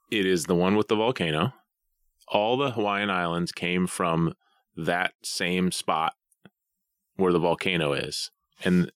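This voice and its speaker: A man co-hosting a podcast in a casual chat, rambling through long, drawn-out stories. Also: sits low, fairly bright tone, no echo, studio quality. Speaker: podcast co-host. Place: home basement studio.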